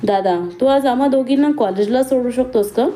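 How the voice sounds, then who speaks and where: A woman's voice: high-pitched, normal speed, mellow, soft background music, natural voice. A woman voicing a friendly young college girl who talks in an urgent, hurrying way.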